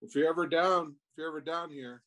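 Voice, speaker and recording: A man from Texas, a podcast guest talking in an easygoing, halting way with casual swearing. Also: on the high side, fairly bright tone, poor audio. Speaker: guest, tattoo artist. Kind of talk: casual interview chat.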